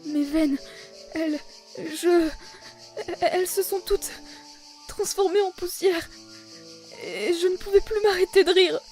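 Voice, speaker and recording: A woman voicing a frightened, gentle young goat-monster boy in a fan dub, trembling, halting and tearful. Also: very high-pitched, animated, full character voice. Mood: anguished. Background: music.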